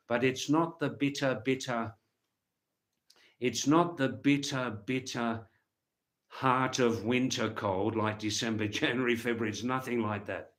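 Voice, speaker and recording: Slow-paced, rambling man on a livestream. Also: medium pitch. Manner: rambling, repeats words and phrases for emphasis. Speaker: livestream host. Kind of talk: casual livestream chat to viewers.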